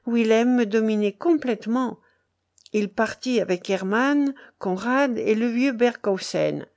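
A woman's voice: on the high side, measured pace, darkish tone, pitched above the performer's own voice. A woman voicing a frightened young woman, pleading and guilt-ridden, in a read-aloud story. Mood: anguished. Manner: trembling, urgent pleading.

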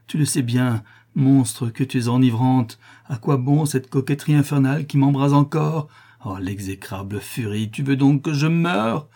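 A tormented notary in a fevered delirium, his cries climbing high and shrill, as a man acts him out. The voice underneath is dusky and husky, pushed to frantic outbursts in a storybook reading. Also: moderate pace, warm tone, lightly acted. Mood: furious. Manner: frenzied, shrill outcries. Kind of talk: audiobook character reading.

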